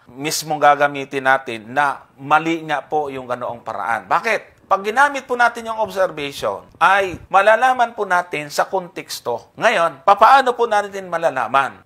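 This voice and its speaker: Male Bible teacher, earnest and explanatory, slightly high, bright tense voice. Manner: earnest, explanatory, reads verses aloud with heavy emphasis; addresses listeners as brothers and sisters, polite particles.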